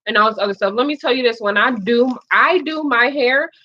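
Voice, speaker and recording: A woman's voice: a little high, fairly quick. A woman co-hosting a casual chat, frank and opinionated, with many fillers. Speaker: co-host. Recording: dull lo-fi sound.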